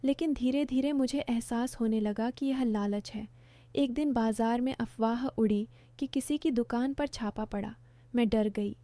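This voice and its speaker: A woman narrating a first-person story in a calm, measured, reflective way. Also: fairly high pitch, dry recording.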